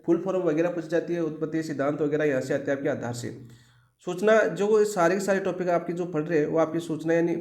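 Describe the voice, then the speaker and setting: Fast-talking man teaching an exam-prep class. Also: fairly high pitch, a little mellow, reverberant. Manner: repetitive, asks the class questions and answers them himself.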